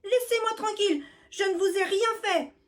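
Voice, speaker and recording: A woman voicing a tiny timid girl mouse who stammers in a high, frightened voice. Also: moderate pace. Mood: desperate.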